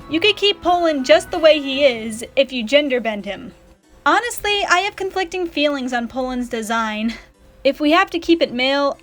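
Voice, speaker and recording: A woman hosting a casual question-and-answer vlog, chatty and teasing with dry, sarcastic asides. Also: sits high. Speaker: channel host answering fan questions.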